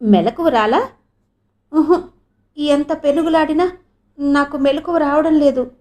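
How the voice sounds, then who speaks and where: A woman's voice: sits high, measured pace, darkish tone, pitched above the performer's own voice. A woman reading an audio novel voices a frail young woman who talks in weak, anxious, pleading questions. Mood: distressed. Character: frail young woman waking dazed and frightened.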